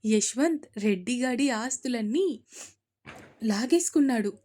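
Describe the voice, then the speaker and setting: A proud mother-in-law who boasts about her son's power, as a woman narrator puts her on. She speaks loudly and emphatically in a spoken storybook. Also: fairly high pitch, expressive, a little slow. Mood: emphatic.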